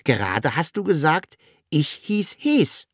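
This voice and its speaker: A narrator voicing a cheeky, childlike creature in a storybook reading, in a high, eager voice. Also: very animated, a little slow, fairly bright tone, no room sound, studio quality, exaggerated voice.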